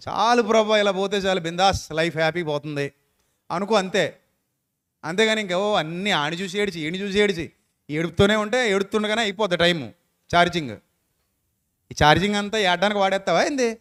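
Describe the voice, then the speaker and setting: A man's voice: high voice, a bit bright. A man preaching a folksy sermon. He asks his listeners one question after another and closes with a prayer. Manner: folksy, questioning the listeners directly, acting out quoted people.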